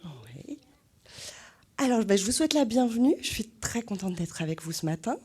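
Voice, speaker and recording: A woman hosts a children's screening at the cinema, and her pitch jumps about as she asks the kids questions. Her tone is mellow and a little husky. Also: sing-song, normal speed. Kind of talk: lively talk to young children. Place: cinema hall.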